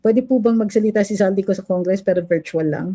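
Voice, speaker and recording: A woman with a Filipino accent hosts a casual livestream from a home room with a fan running, reading viewer comments aloud. Her voice is warm, quick, and medium-pitched, and she switches between Filipino and English and coos at her dog.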